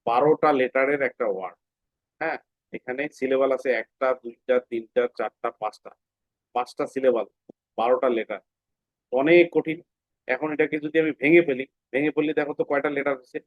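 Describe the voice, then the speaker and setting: A man teaching English phonics to children in a classroom, patiently asking questions and then answering them himself, and repeating words slowly. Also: mid-range voice, no echo. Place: classroom with students. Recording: dull, dry lo-fi sound.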